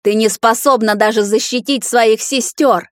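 A woman's voice: medium pitch, moderate pace, dry recording, studio quality, lightly acted. Woman voicing a sneering evil witch mother. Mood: menacing scorn. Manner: mocking, snarling, raised sharp voice. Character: cruel scheming witch mother, middle-aged woman.

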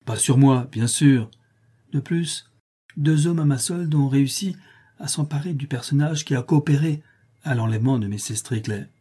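A man's voice: medium pitch, normal speed, dark tone, husky, close to an everyday voice. A man voicing a greedy, scheming male meat-packer with an insistent, sneering manner, read aloud from a story.

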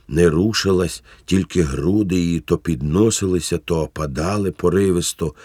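A man narrating a classic novel as an audiobook in a measured, even way. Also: low voice, slightly rough, no room sound, clean studio sound.

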